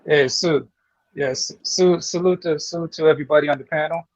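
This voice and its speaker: Man calling in, glitchy breaking-up audio, husky voice, dull lo-fi line, halting delivery. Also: fairly high pitch, fairly even intonation, no echo. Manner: halting, repeats himself. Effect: glitchy online call audio breaking up. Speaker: panel guest calling in. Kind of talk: casual sports talk.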